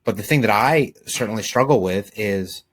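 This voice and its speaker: A man's voice: on the low side, moderate pace. A man hosting an interview, friendly and thinking aloud as he frames his questions. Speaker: podcast host.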